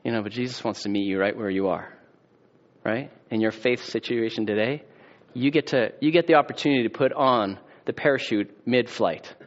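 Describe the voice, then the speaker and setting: A man's voice: mid-range voice, a little fast, muffled recording. Conversational male pastor preaching. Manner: conversational preaching with filler words and rhetorical questions. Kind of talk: sermon.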